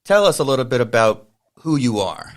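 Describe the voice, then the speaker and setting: Male podcast host, mid pitch, rambling conversational delivery full of fillers. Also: big pitch swings, brisk. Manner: rambling, many fillers and tangents. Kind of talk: casual podcast intro and interview.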